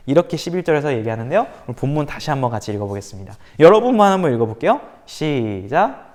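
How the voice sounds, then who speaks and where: Lively fast-talking male pastor. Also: fairly high pitch. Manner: animated storytelling with acted quotes. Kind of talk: youth sermon. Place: church room for online service.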